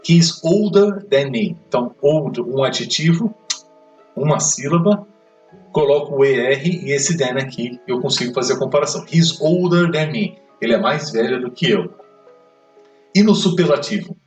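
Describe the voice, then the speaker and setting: A man teaching an English grammar lesson, explaining step by step and checking in with quick questions. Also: mid-range voice, a little mellow. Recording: echoey room, mic far off, faint music.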